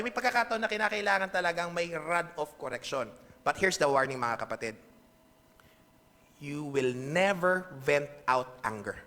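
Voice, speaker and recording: Preaching conversationally to his congregation, this Filipino-accented pastor often pauses to check in with them. His voice is on the high side and fairly bright, echoing through the church hall.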